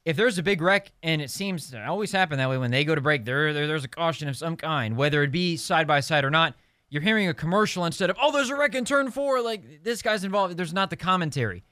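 Bright-voiced man rambling in casual chat. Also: on the high side, quick pace, no room sound, clean studio sound. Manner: rambling, many restarts and "like". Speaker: podcast co-host.

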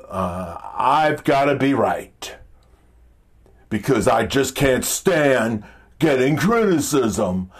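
In an informal motivational monologue built around rhetorical questions, a male motivational speaker talks with a deep, powerful voice. His delivery is emphatic, halting and blunt, with lots of repetition.

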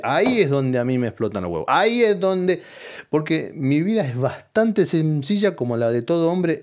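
A middle-aged man with a Rioplatense accent delivering a rambling, crude comic monologue that drops to conspiratorial asides and flares into loud outbursts. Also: on the high side. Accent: Rioplatense Spanish. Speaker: comedian.

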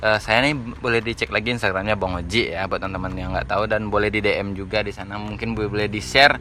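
A young man co-hosting a casual podcast, agreeable and quick to chime in with short acknowledgements. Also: lowish voice, fairly even intonation, pushed and bright. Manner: agreeable, frequent backchannel "iya". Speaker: podcast co-host. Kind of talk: casual chat. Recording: faint background noise.

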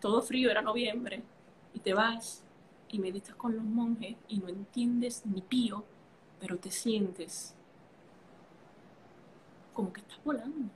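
A woman's voice: fairly high pitch, measured pace, long pauses, slight background noise. A woman telling a personal story in casual conversation, emotional and vivid, filling gaps with playful sounds. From a Caribbean island. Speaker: podcast conversation partner. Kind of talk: casual chat.

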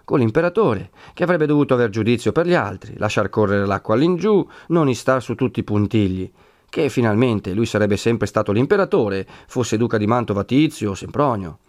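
A man narrating a classic novel in a steady, measured reading. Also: medium pitch, dry recording, studio quality.

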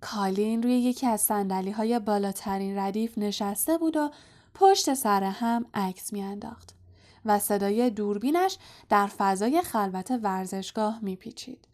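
A woman narrating a storybook in a soft, quiet, even-paced voice. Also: mid-range voice. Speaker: audiobook narrator.

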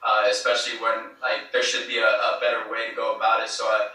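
A man giving a hesitant eyewitness account, full of fillers and restarts, heard through low-quality streamed clip audio. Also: completely flat delivery, fast talker, pushed and bright, heavy reverb, recorded from a distance. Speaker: eyewitness being interviewed. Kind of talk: casual spoken account.

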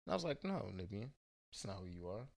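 A man's voice: lowish voice, sing-song, quick pace, creaky. A man from Houston, a podcast guest talking in a loose, slangy, profane way, often trailing off and searching for words. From Houston, Texas. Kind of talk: casual podcast conversation.

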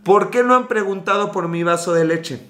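This livestream host speaks with a Mexican accent in a high, bright, forceful voice at a moderate pace, and his throat sounds slightly sore. He keeps things casual, chatting, joking, digressing, and calling out viewers by name. The room is echoey.

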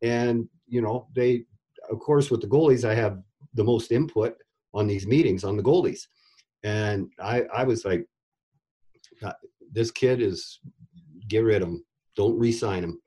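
A middle-aged ex-goalie coach tells rambling stories during a casual interview, speaking a little slowly with long pauses. His voice sits on the low side, dark in tone and slightly rough, and he repeats words as he starts sentences over.

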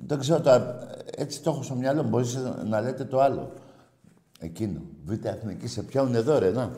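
Male call-in host, heated sports rant, loud-to-muttering swings, echoey room sound. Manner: impassioned, swings from shouting to low muttering.

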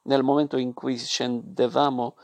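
A man reading a story aloud as its narrator, in a measured, expressive way. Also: mid-range voice, no room sound.

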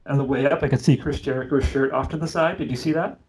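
A man's voice: medium pitch, fairly even intonation, fast, a little mellow, a little hiss or hum. A man hosting a podcast in casual chat, joking and rambling with side notes. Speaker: podcast host.

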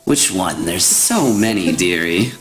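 A man's voice: low voice, expressive, measured pace, a bit bright, soft background music, voice pushed down. A man doing a cackling, gloating old hag. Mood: mocking. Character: scheming old female hag, mocking and menacing.

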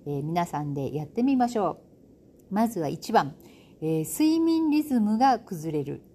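A woman's voice: mid-range voice, sing-song, moderate pace, warm tone, a little hiss or hum. A middle-aged woman hosting a casual solo talk, chatty and self-amused, with lots of fillers. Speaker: podcast host. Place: home in Bali.

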